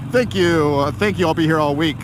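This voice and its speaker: Young male motovlogger, slightly high voice, self-mocking and chatty, clear road noise behind. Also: fairly quick. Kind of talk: casual vlog commentary while riding. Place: outdoors on a motorcycle in city traffic.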